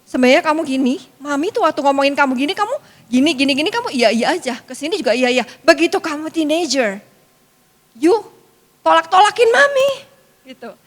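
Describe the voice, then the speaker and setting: A woman's voice: high-pitched, animated, fast. A middle-aged woman giving a chatty, anecdotal talk to parents at a school meeting. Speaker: speaker at a parent-teacher meeting. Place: school hall. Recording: reverberant hall.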